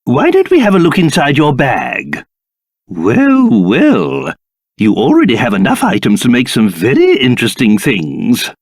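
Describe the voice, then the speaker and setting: A man's voice: mid-range voice, a little slow, dry recording, clean studio sound, heavily acted. Pompous British monster King Trode, wildly swooping. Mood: advisory. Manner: pompous, fussy, excitable, exaggerated delivery. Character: pompous, fussy old king turned into a small monster. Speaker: video game character voice actor. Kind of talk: theatrical video game voice acting.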